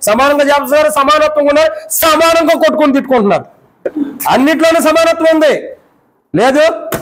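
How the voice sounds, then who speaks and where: A man preaching at a home prayer meeting, repeating his phrases and asking the listeners questions, dropping to a hush and then rising loud. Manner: swings between a hushed low voice and loud raised preaching. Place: a house during a prayer meeting.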